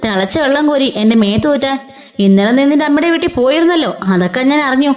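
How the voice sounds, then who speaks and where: A woman voicing a sharp-tongued older mother-in-law who taunts and insults. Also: sits high, animated, quick pace. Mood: accusing.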